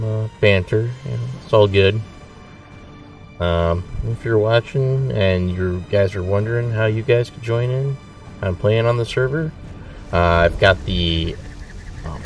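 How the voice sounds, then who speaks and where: A man giving relaxed, rambling commentary while streaming a game, chuckling often as he talks to viewers. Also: sits low. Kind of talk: casual gameplay commentary. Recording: somewhat distant mic with faint game music. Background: faint game music.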